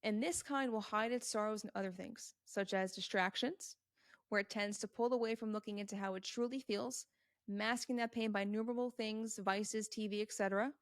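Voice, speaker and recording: A woman talks through a solo motivational podcast with earnest emphasis, often repeating her points and speaking straight to the listener. Her voice sits at an ordinary middle pitch for a woman. The sound is close and dry, with no room echo. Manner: addresses the listener directly and answers imagined questions. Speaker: podcast host.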